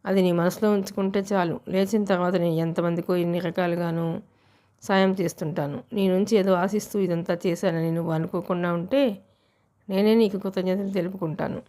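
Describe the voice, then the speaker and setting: A woman's voice: lowish voice, fairly even intonation, brisk, mellow, close to an everyday voice. A woman voicing a proud, offhand wealthy young man in an audiobook novel. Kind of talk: audiobook narration.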